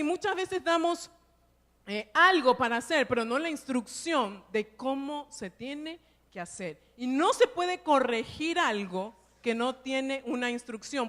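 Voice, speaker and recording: A woman's voice: high voice, fairly bright tone. A woman pastor preaching a sermon in a church. She tells stories and keeps checking in with her listeners through rhetorical tag questions. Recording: long church reverb.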